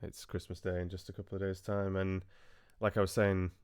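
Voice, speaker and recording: Deep and monotone, this man speaks a little fast with a darkish, smooth tone. He's hosting a livestream and chatting casually with viewers, friendly and hesitant with trailing asides, in a studio-quality recording with no room sound.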